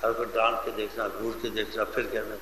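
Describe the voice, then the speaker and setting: A man preaching in an emphatic, animated storytelling sermon. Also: lowish voice, background noise. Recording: echoey hall, faint ambience.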